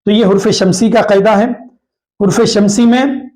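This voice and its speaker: High-voiced male tajweed teacher. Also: steady tone, darkish tone. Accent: Hyderabadi Urdu. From Hyderabad, India. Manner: repeats each rule, slows down to recite the Arabic examples. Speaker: Quran recitation teacher. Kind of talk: tajweed lesson, explaining rules.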